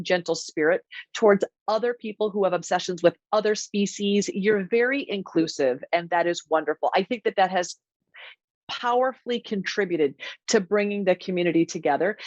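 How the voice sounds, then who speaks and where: Woman host, interview, effusive praise, lowish voice, dry dull lo-fi recording. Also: no echo. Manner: effusive and complimentary.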